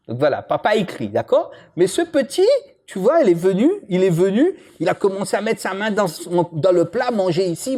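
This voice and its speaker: A man giving an informal religious lesson, joking with the audience and putting questions to it. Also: sits high. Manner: lively, jokes with and questions the audience. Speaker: imam teaching a religious lesson.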